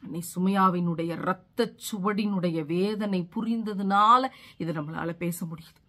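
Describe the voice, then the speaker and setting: A woman's voice: mid-range voice, a little slow, fairly bright tone. Fervent, pleading middle-aged woman preacher. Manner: pleading, rising to fervent emphasis; repeats phrases for rhetorical force. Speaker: religious speaker. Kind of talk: impassioned sermon.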